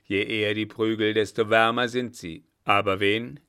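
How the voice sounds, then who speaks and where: A man voicing a blustering, gruff old field marshal who bellows brusquely. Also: lowish voice, level tone, normal speed, bright, forceful tone.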